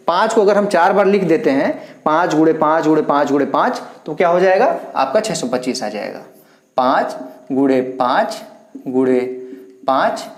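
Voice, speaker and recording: A man's voice: sits high, darkish tone. A man teaching a maths lesson, talking students through each step and counting aloud as he writes. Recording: roomy echo.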